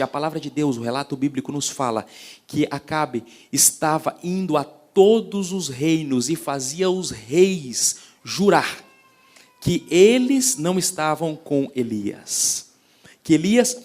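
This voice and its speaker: Emphatic preacher, loud then hushed. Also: male voice, on the high side. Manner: repeats and restarts phrases. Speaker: pastor. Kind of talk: sermon.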